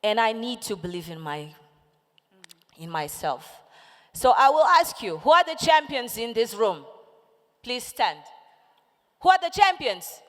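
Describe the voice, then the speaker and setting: A Portuguese-speaking woman in her forties, serving as a panelist, gives an impassioned, rallying motivational talk in a large conference hall, calling out questions to the audience. Her voice is on the high side and fairly bright, with big pitch swings, an unhurried pace and long pauses. The hall makes the recording echoey.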